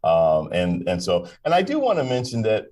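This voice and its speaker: A man's voice: lowish voice, wildly swooping pitch, moderate pace, a little mellow. A man hosting a live aviation talk show, introducing guests in a friendly, joking way. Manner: friendly, jokey, stumbling over names. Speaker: host.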